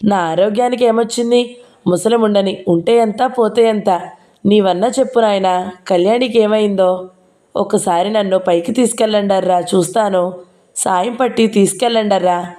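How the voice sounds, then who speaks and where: A woman's voice: steady tone, moderate pace, dark tone, lightly acted. A woman voicing a frantic, grieving old grandmother who cannot leave her bed, pleading and wailing in a raised voice. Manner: wailing, pleading, higher than her narration.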